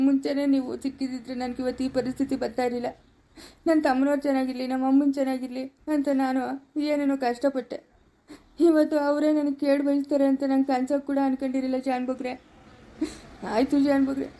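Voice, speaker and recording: A woman's voice: a little high, warm tone, natural voice. A woman with a Chikkaballapura-area Kannada accent voicing a grieving, betrayed younger man, crying and pleading in a village family drama. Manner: pleading, sobbing lines.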